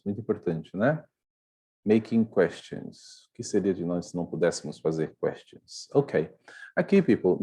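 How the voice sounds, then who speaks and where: A man's voice: on the low side, dark tone. A Brazilian man teaching English grammar online in a Brazilian Portuguese accent, explaining step by step and often checking in with his students.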